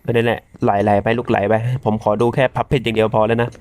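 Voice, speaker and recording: A young man giving casual, excitable commentary while playing a horror game, swearing and talking back to the game's monsters. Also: mid-range voice, fast. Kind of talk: casual let's-play commentary.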